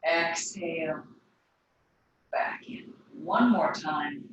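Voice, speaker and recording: Calm woman cueing yoga breaths. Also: low-pitched, very slow, a little hiss or hum. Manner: calm cues timed to the breath. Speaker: yoga teacher. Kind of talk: guiding a yoga class. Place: yoga studio. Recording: echoey room, voice from a distance.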